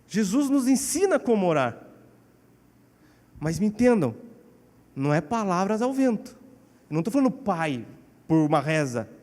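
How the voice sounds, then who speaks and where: A man with a Brazilian Portuguese accent preaching a sermon in a church, animated and acting out quotes. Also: normal speed, long pauses. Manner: animated, acts out quotes with shifting pitch. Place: church hall. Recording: church hall with long reverb.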